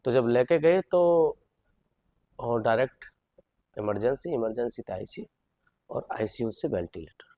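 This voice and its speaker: A young man with a Braj accent telling a personal vlog story, slow and halting with many pauses, grieving. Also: mid-range voice, expressive, mellow, dry recording. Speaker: vlogger.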